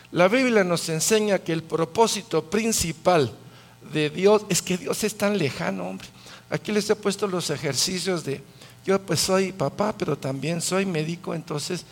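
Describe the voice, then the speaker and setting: A man teaching the Bible in a conversational way, putting questions to the audience. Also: high voice. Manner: asks the audience questions, lively.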